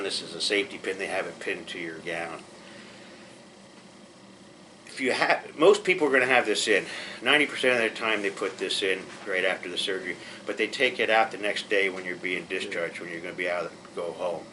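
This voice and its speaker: A man's voice: deep voice, a little fast, pushed and bright, slight background noise, poor audio. A man teaching a pre-surgery class, explaining things in a plainspoken, reassuring way with frequent restarts. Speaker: patient educator.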